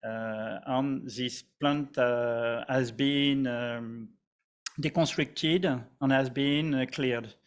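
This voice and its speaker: A man with a French accent giving a conference presentation, halting, with many fillers and restarts. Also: mid-range voice, steady tone, clean tone. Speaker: conference speaker.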